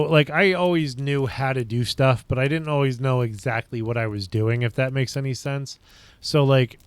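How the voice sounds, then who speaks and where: A man from upstate New York hosts a casual livestream and talks through his thoughts in loose, meandering sentences. His mid-pitched voice comes through smooth and clear, with a dry, close sound. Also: no room sound. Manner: thinks aloud in loose rambling sentences. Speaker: livestream host. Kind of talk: casual chat with viewers.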